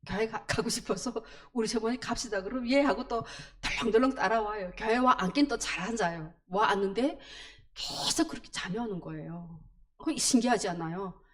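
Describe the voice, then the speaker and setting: A woman telling her conversion story in church, in an animated storytelling way with sound words. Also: mid-range voice, moderate pace. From North Korea. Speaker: church testimony speaker. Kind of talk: personal testimony in church.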